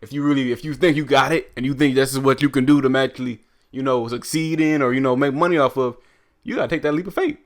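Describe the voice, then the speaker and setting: A young man speaks in a medium-pitched voice on a casual podcast. He sounds laid-back and a bit hesitant, and he stumbles through restarts while he pushes back on his co-host. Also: fast talker. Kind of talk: casual chat.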